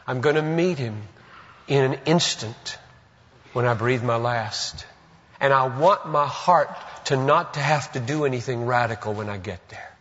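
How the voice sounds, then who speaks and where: Older man preaching in a reverberant hall. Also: medium pitch. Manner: earnest, swings from loud exhortation to hushed reflection; slow, deliberate repetition of phrases. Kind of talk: sermon. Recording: long reverb, dull lo-fi sound.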